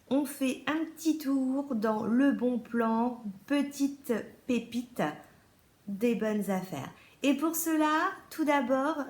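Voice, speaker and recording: A woman's voice: high voice, darkish tone. Chatty French woman in an echoey room. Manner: chatty, many fillers and restarts. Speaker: beauty vlogger. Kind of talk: casual haul video.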